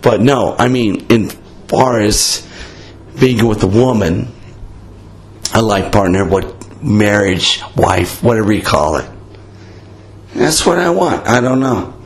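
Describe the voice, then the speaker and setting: Podcast host: middle-aged man, fairly low voice shot and raspy, loose unscripted rambling, sweary and self-deprecating. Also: expressive, slow, long pauses. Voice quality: raspy, hoarse. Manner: blunt, profane, self-mocking. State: voice worn out. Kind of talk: casual rambling monologue.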